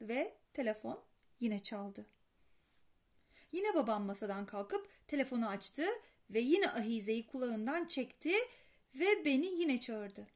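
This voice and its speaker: A woman storyteller reading a children's story aloud in an animated, expressive way. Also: on the high side, a little slow.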